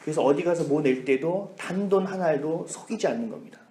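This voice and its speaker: Brief: male Korean-church pastor, sermon storytelling, somewhat high-pitched, roomy hall reverb. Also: brisk. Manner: animated storytelling, whispers inner thoughts. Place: church sanctuary.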